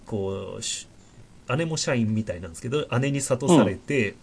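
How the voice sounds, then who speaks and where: A man hosting a podcast, talking in a relaxed, chatty way with plenty of fillers. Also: mid-range voice, normal speed, creaky, husky. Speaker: podcast host. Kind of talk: casual chat.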